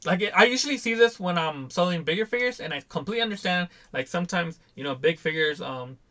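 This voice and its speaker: Young adult man, casual vlog host, exasperated, slightly high voice, lively quoted asides. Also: fast talker. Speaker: toy seller and channel host.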